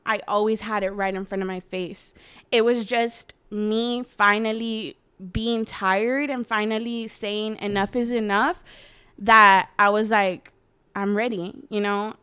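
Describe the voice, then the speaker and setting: A woman's voice: mid-range voice, bright, forceful tone, smooth. A woman in her twenties talking earnestly and reflectively in an interview, often saying "like.". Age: 20s. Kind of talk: candid personal interview.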